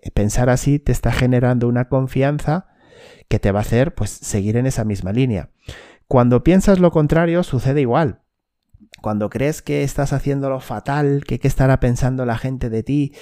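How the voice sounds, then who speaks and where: Warm and mid-range, the voice belongs to an athletes' mental coach delivering straightforward instruction. He addresses the listener directly and keeps asking "okay?" after his points.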